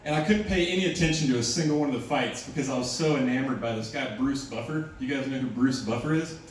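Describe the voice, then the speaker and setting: A man's voice: medium pitch, quick pace. A man performing a conversational stand-up comedy set at an open mic, telling stories and slipping into quoted voices. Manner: conversational storytelling with put-on voices. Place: live open-mic venue with a small audience. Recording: echoey room, distant mic, noisy.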